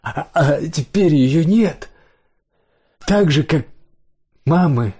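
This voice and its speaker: A man's voice: medium pitch, unhurried, a little mellow, slightly rough, voice pushed up. A man reading an audiobook and voicing a distraught young man who stutters and chokes up. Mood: tearful. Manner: stutters, voice breaking into sobs.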